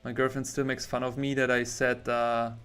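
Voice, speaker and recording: A man's voice: mid-range voice, little pitch movement, normal speed, a bit bright, clean tone. Young German guy, casual art-stream chatter, mid-range voice, faint music and typing in the background. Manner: rambling, self-interrupting, chatty with viewers. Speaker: artist streaming a drawing session. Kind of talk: casual livestream chat while drawing.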